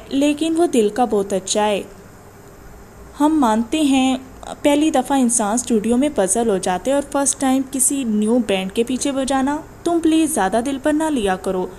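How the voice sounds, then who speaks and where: A woman voicing a gentle young man who apologises and comforts a friend in an audiobook. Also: high-pitched, slight background noise. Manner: soothing, slow and kind.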